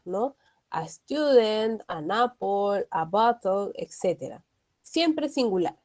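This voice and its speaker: A woman's voice: a little high, a little mellow. A woman teaching an English grammar lesson, explaining patiently and checking understanding with frequent tag questions.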